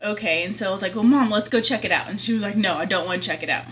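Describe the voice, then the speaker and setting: A woman's voice: mid-range voice, very fast, pushed and bright, slight background noise, poor audio. A young woman, casually telling a spooky story on the radio, chatty and giggly, acting out the voices she quotes. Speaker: caller telling a ghost story.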